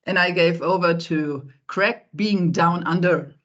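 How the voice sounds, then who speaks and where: A woman's voice: fairly low pitch, measured pace, a bit bright. A middle-aged woman introducing herself conversationally as a panelist in an online meeting. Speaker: panelist, software company CEO. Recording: slightly dull online call audio.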